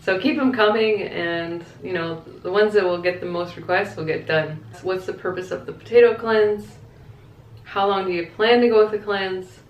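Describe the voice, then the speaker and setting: A woman's voice: mid-range voice, moderate pace, lo-fi sound. A woman vlogger chatting casually to camera and answering viewer questions in a candid, reflective, conversational way. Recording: echoey, roomy sound.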